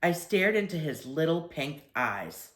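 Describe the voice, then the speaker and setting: An older woman with a low, sing-song voice reads a children's story expressively. She uses deliberate phrasing and drawn-out emphasis, and the sound is reverberant.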